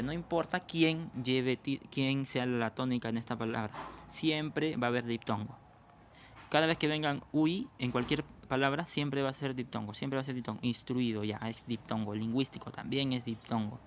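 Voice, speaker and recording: A man's voice: mid-range voice, a little hiss or hum. Spanish-speaking male teacher explaining patiently. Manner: explanatory, checks understanding with frequent questions. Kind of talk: online language lesson.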